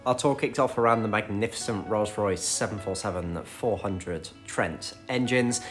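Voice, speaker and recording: A man's voice: lowish voice, fairly bright tone. A man narrating a scripted tour as a travel vlog host.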